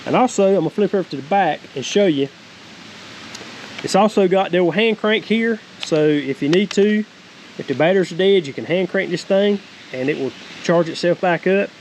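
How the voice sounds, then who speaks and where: This homestead vlogger, a forties-aged man with a Southern US accent, speaks at normal speed in a high voice while giving an easygoing, rambling, folksy product review. The recording is low quality with clear, steady outdoor hiss, moving from a wooded creek to a cabin deck.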